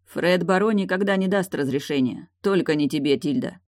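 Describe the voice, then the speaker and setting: A woman's voice: on the low side, normal speed, darkish tone, no echo, studio quality, close to an everyday voice. A woman reading an audiobook, voicing a weary, curt male guard investigator who talks in a terse, defensive way.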